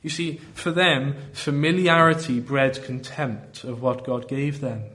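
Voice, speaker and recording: A man with a Welsh Valleys accent preaching a sermon in an earnest, deliberate way, often posing rhetorical questions. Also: mid-range voice, fairly even intonation, fairly bright tone. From South Wales valleys.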